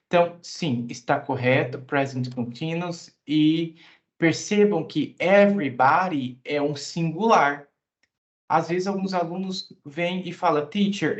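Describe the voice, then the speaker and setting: A man's voice: a little high, lo-fi sound. A man teaching English in an online class, patiently explaining grammar at length and asking students questions.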